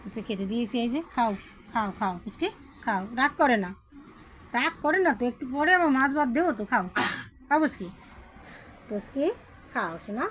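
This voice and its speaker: A woman's voice: on the high side, lively intonation, fairly quick, long pauses, a bit bright, a little hiss or hum, low-quality recording. A woman vlogger coaxing a pet to eat in cooing, singsong baby talk, with lots of endearing repetition.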